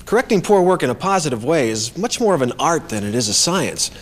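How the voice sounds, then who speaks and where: A man's voice: a little high, sing-song, brisk. A man presenting a workplace coaching lesson in a conversational, emphatic scripted narration.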